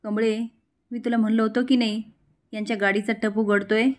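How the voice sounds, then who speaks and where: A woman voicing an excitable young village girl with gushing, rustic speech. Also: on the high side, normal speed, close to an everyday voice. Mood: excited.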